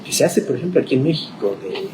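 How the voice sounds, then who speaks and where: A man's voice: mid-range voice, sing-song, fast. A man, a pastor teaching a Bible class in a conversational lecture style, thinking aloud and checking in with his listeners. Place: church classroom. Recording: echoey room with clear background noise.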